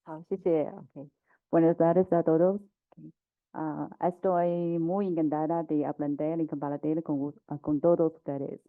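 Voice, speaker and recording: A woman teacher with a Chinese accent giving a conference talk, speaking haltingly, mixing languages and often asking "ok?". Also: low-pitched, flat delivery. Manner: halting, mixes languages, frequent "ok?". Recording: tinny phone-like audio.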